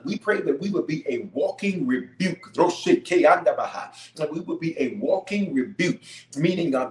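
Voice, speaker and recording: A man with a fairly high voice leads prayer as a bishop. His delivery is fervent and emphatic, building through repeated phrases and rallying calls. The sound is strongly echoey. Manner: repetitive, emphatic preaching cadence with rallying calls. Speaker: bishop leading congregational prayer. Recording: echoey, reverberant room sound.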